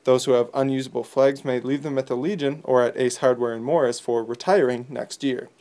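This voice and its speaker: A man's voice: medium pitch, fairly even intonation, fairly quick, warm tone. A man with an American accent reading scripted local news as a radio newsreader.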